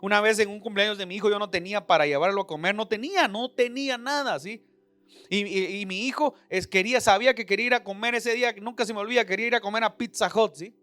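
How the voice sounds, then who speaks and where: A man's voice: high voice, fast, dry recording. A middle-aged man with a Central American Spanish accent preaching a sermon as pastor, talking to the congregation as brothers and asking them questions. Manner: preacherly, addresses listeners as brother, rhetorical questions. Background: soft background music.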